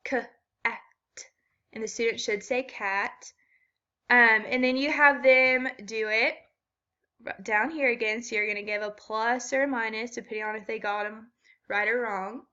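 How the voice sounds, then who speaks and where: Woman, bright voice, explaining a test, lots of ums, muffled recording. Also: fairly high pitch, fairly even intonation, normal speed. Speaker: student teacher explaining an assessment. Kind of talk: walkthrough of a reading assessment.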